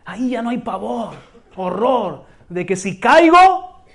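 Impassioned high-voiced Spanish pastor. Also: male voice, very animated, slow pace, gravelly, fairly bright tone. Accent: Spain Spanish. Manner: impassioned, rising to exclamations. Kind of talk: sermon.

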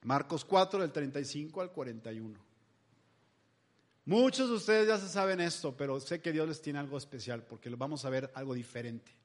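A man preaching in a loose, joking storytelling manner. His voice sits high for a man and he chats with the congregation as if among friends. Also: expressive, a little fast. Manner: chatty, humorous storytelling. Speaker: pastor. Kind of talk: sermon.

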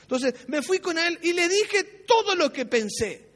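A man's voice: very high-pitched, big pitch swings, measured pace, a bit bright. A man preaches a sermon, recounting his own past in an anecdotal, self-mocking way. He keeps checking in with his listeners through short tag questions. His voice trails off into the long reverb of a church hall. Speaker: pastor. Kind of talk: sermon with personal storytelling.

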